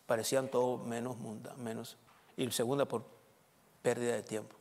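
A man preaching a sermon as pastor, emphatic, swinging between loud and soft and checking in with the congregation. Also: mid-range voice, little pitch movement, moderate pace. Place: church. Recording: long church reverb.

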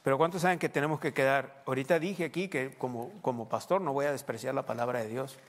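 Pastor preaching in a reverberant church. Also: male voice, medium pitch, steady tone, quick pace. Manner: conversational preaching, asks the congregation questions. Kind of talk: sermon.

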